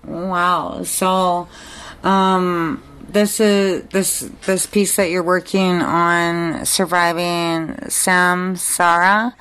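A woman's voice: lowish voice, little pitch movement, extremely slow, fairly bright tone, smooth. A woman hosting a community radio interview, asking questions hesitantly with many fillers. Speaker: radio host.

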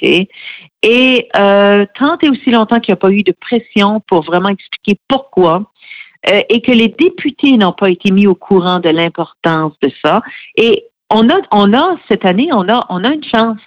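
A middle-aged woman, head of a francophone federation, speaks as a guest on a radio interview, explaining things earnestly with frequent hesitations. Her voice is mid-range and animated at a normal speed. The recording is dry and slightly muffled.

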